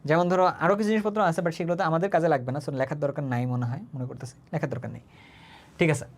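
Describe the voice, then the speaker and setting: A man's voice: on the high side, animated. A male chemistry teacher, giving an online class lecture in a chatty way, mixing in English words and checking in with his students. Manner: conversational, often checks understanding with quick tag questions.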